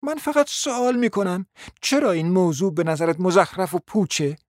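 A proud, scheming middle-aged mother , played by a man in a radio drama, pleading and insisting at length in a high voice. The recording is dry and close, with no room sound. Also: no room sound, natural voice. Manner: pleading, insistent and long-winded.

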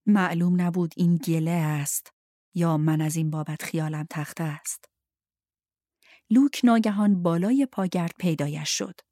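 Woman narrating a novel in a lowish voice. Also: dark tone, no room sound, clean studio sound. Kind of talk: audiobook narration.

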